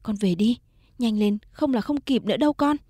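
A woman's voice: fairly high pitch, moderate pace, mellow, a little hiss or hum, close to an everyday voice. A woman voicing a grieving country mother who speaks in a choked, sobbing way in a storybook reading. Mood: tearful.

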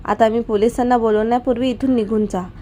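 A bitter widowed mother hurls accusations at her husband's killer, as a woman reading the story voices her. Her voice is warm-toned and fairly high, with a hard, accusing edge. It is part of a storybook narration. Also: fairly even intonation, a little fast, a little hiss or hum, close to an everyday voice. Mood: angry. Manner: angry, accusing.

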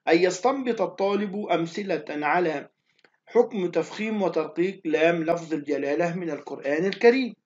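Male teacher, high voice, patiently repeats and stretches sounds for students; muffled lo-fi recording. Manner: repeats definitions slowly, drawing out letters. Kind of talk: recorded online lesson.

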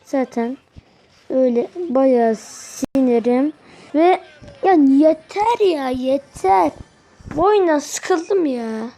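A woman giving live gameplay commentary, grumbling and repeating words in quick bursts as she plays. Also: high voice, animated, warm tone. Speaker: gaming video host.

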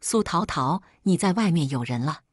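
A woman's voice: deep voice, expressive, normal speed, slightly rough, no room sound, studio quality. Hurt demanding boyfriend, as a woman reads him. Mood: accusing. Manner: accusing, pleading.

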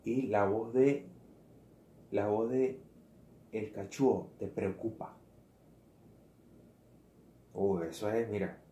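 Man, lay preacher, slow and mellow, stops and restarts a lot, roomy echo. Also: on the low side, steady tone, slight background noise. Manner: halting, self-correcting, slangy asides. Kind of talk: casual informal preaching.

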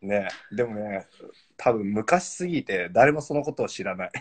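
A professional footballer in his forties joins a live stream as a guest, keeping things casual, joking and laughing often. He speaks at a moderate pace in a fairly low, animated, slightly rough voice.

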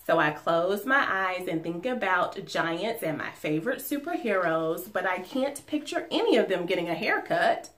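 Woman, 40s, children's story read-aloud, expressive, very lively melody, living room, camera mic. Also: mid-range voice. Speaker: teacher reading aloud.

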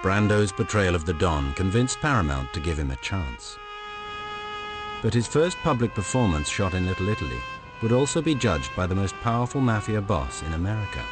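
Brief: male documentary narrator, deep low voice, steady, even delivery. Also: normal speed, music in the background. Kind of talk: scripted narration.

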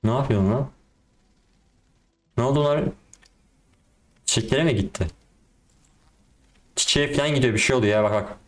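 A young man giving casual, excitable commentary on a game and talking to his viewers in slang. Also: medium pitch, moderate pace, pauses often, soft background music. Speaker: gaming YouTuber.

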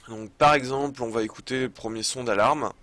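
A man from France hosting a software tutorial voice-over, talking hesitantly with many filler pauses. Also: mid-range voice, fairly even intonation, very noisy. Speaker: YouTube tutorial host. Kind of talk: screen-recorded software tutorial.

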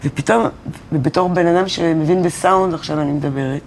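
Woman spinning a lively story, acts out the voices, faint room hiss behind. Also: sits low. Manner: animated storyteller who acts out quoted dialogue. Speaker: interviewed singer-songwriter. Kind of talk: storytelling in a casual interview. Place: college studio or classroom.

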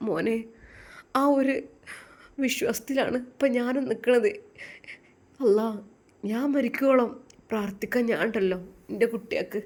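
A woman's voice: fairly high pitch, measured pace, long pauses, darkish tone. A woman voicing a worried, loving old mother who speaks tenderly and anxiously in a storybook tale.

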